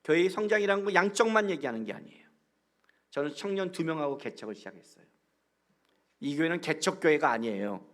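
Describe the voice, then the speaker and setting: A man's voice: a little high, fast, long pauses. A middle-aged male pastor giving a guest sermon, telling stories and acting out bits of dialogue. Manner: animated storytelling with acted-out dialogue.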